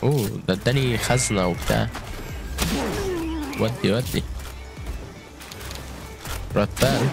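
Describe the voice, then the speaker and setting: A man's voice: lowish voice, slow, creaky, pauses often, loud music behind the voice. A man with an Egyptian Arabic accent giving chatty gameplay commentary, calling out to viewers with frequent exclamations. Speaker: gaming YouTuber.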